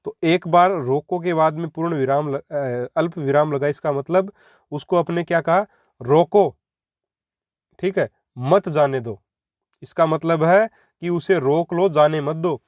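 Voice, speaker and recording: A man's voice: fairly high pitch, normal speed, no echo. Young man teaching Hindi grammar. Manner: explanatory, repeats points and addresses students as friends. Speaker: exam-prep teacher. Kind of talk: Hindi grammar lesson for exam candidates.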